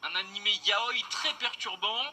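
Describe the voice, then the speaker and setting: A man's voice: sits high, normal speed, pushed and bright, soft background music. A young man hosting a casual anime quiz, playful and teasing, chatting to viewers like buddies. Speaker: quiz host and streamer.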